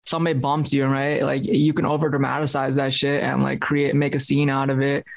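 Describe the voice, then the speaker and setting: A man's voice: mid-range voice, completely flat delivery, brisk, creaky, no echo. A man co-hosting a podcast, chatting in a loose, laid-back way with lots of filler words. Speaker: podcast co-host. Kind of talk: casual chat.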